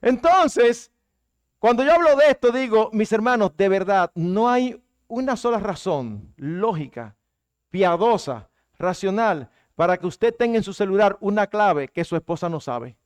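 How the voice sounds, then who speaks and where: High, smooth-voiced man preaching. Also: measured pace. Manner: animated preaching, acting out quoted spouses in shifting voices. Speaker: pastor. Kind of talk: sermon.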